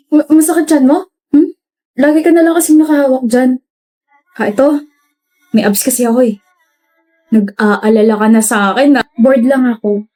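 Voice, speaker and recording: A woman's voice: a little high, dark tone. A woman acting out a campus romance skit in cocky, teasing banter.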